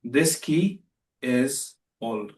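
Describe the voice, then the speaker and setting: A man's voice: medium pitch, animated, very slow, darkish tone, echoey room, recorded from a distance. A man teaching beginner Arabic in a live online class, patient and repeating himself as he corrects students.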